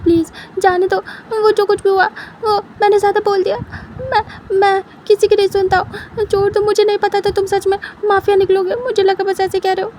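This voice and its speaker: A woman's voice: extremely high pitch, steady tone, normal speed, a little mellow, slight background noise, pitched above the performer's own voice. A woman voicing a frightened young man who begs and pleads with his captor. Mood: pleading, panicked. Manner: panicked, begging, breaking into cries.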